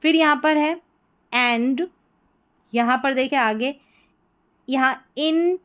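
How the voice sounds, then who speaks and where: A woman teaching English reading, slowly spelling each word out letter by letter and repeating it. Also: sits high, a bit bright, muffled recording. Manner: slow, patient, spells words letter by letter and repeats them. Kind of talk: spelling and pronunciation lesson.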